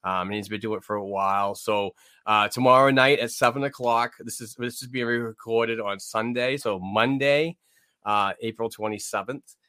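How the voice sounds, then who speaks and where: Bright, low-pitched man co-hosting a podcast. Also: fairly even intonation, normal speed, no echo. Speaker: podcast co-host. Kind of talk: casual chat about hockey.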